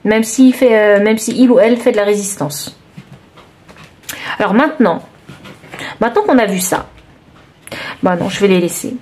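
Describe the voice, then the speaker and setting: A woman's voice: medium pitch, moderate pace, pauses often, darkish tone. A woman with a southern French accent doing a tarot card reading for viewers, thinking aloud with many hesitations. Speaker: tarot reader.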